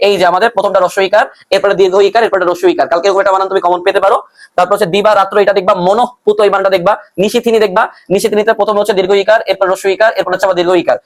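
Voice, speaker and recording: A young man teaching a brisk online exam-prep lesson, repeating his points and mixing English words into his speech. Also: high voice.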